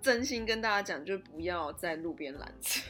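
Woman co-host, bright voice, expressive storyteller, salty and giggly, faint music underneath. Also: medium pitch, normal speed. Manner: animated storyteller who swears and laughs often. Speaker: podcast co-host. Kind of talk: casual chat.

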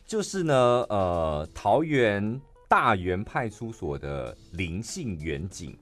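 A low-voiced man with a Taiwanese Mandarin accent retells a news story in a casual podcast chat. His pitch moves about a lot, and filler particles keep coming. Faint music plays behind him. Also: slow. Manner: chatty, frequent filler particles, animated retelling. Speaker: podcast co-host.

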